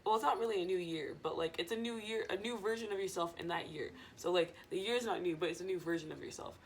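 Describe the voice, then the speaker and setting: Casual female vlogger, low-pitched, loose rambling stoner delivery, noisy recording. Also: fast. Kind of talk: casual chat to viewers.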